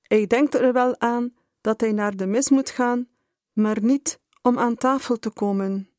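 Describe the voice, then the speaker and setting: A woman's voice: a little high, unhurried, a little mellow, dry recording, studio quality, lightly acted. A woman voicing a stern mother who disapproves of her son. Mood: disapproving.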